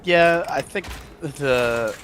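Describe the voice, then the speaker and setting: A man's voice: fairly high pitch, drawn-out words, background noise. A young man talking casually with a teammate during a game, loose and full of filler words. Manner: relaxed, many filler words. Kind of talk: casual gaming chat. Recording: game music under voice.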